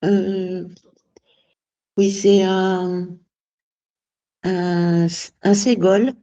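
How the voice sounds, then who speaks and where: A woman student answering a teacher's question in a class, hesitant and halting. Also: medium pitch, flat delivery, warm tone, highs cut off.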